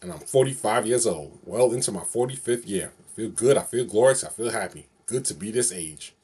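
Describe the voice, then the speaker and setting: Filming a casual solo vlog in a small bedroom, this fortyish New Yorker speaks fairly quickly in a fairly low, darkish voice with a breathy edge and lively intonation. His talk rambles and keeps circling back to the same phrases.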